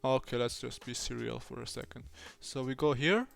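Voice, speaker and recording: A man livestreaming his design work in a fake British accent, rambling playfully to himself and his software. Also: medium pitch, moderate pace, gravelly, faint music behind. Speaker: streamer. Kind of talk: livestream self-talk while doing design work.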